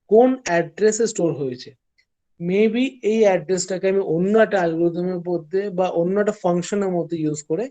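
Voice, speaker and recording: A man lecturing a class, stepping slowly through an algorithm and checking that the students follow. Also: high voice, mellow.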